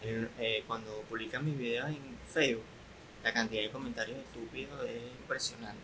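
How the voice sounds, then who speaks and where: A young man with a Venezuelan accent, a content creator guest, talking candidly in a relaxed, soft-spoken way. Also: medium pitch, fairly quick, noisy background. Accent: Venezuelan Spanish. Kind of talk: casual podcast interview.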